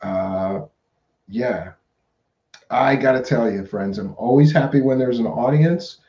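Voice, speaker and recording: A man's voice: medium pitch, unhurried, dark tone. A man hosting a live talk show in a casual, chatty, colloquial way. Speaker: live stream host. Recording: roomy, dull lo-fi stream audio.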